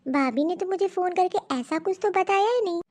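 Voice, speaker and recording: A woman's voice: very high-pitched, fairly quick, darkish tone, voice pushed up. Woman voicing a humble polite housemaid. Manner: polite, deferential. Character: humble hardworking female housemaid. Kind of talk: animated cartoon story voice acting.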